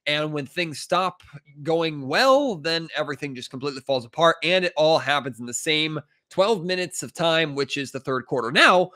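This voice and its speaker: Stuffy-nosed guy doing his sports podcast, kinda high voice, emphatic and fed up. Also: expressive, moderate pace, pushed and bright. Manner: emphatic, frustrated, talks with many fillers. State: congested from a cold. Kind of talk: casual sports podcast commentary.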